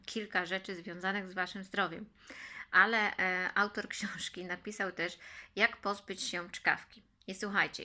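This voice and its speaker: Bright-voiced woman chatting to viewers. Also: mid-range voice. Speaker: vlogger sharing a home health tip. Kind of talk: casual explanatory chat to viewers.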